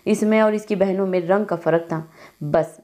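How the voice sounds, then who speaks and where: A woman reading a novel aloud in a steady, expressive storytelling way. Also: mid-range voice, moderate pace. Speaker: narrator.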